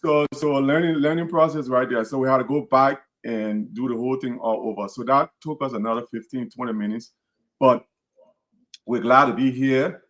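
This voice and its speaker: A Liberian man with a Liberian accent hosts a podcast in an earnest, casual way, repeating words and restarting phrases. His voice is medium-pitched and a bit bright, with fairly even intonation at normal speed.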